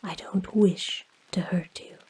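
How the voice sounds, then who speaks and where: A woman voicing a female naga huntress, coaxing and softly threatening, in a breathy whispered role-play. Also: fairly low pitch, fairly even intonation, takes it slowly, full character voice. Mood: menacing, warning. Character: female naga huntress, predatory, coaxing, menacing serpent creature.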